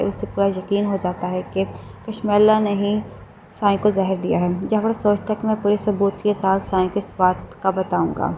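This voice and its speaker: Woman, plot recapper; level, warm-toned delivery, faint background noise. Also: medium pitch. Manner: steady flat narration with restarts. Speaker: drama episode recapper. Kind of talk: casual retelling of a TV drama plot.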